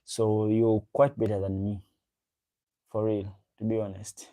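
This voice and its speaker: The man speaks unhurriedly in a fairly low, level, warm voice. He's a livestream host, casually rambling, repeating himself, reading out comments and talking straight to his viewers. He speaks a local African language as his first language.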